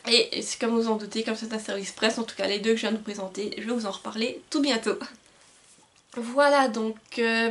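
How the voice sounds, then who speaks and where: A slightly high-voiced woman chats casually about her new books. She often stumbles, stammers and restarts her words. Her voice is picked up by a camcorder's built-in mic. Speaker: book vlogger. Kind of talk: casual book haul talk.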